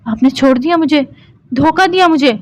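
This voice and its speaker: A woman's voice: sits high, pitched above the performer's own voice, natural voice. A woman voicing a young wife who sounds hurt and pleading in an audio novel. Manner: pleading, wounded. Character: young wife, tearful and sulky.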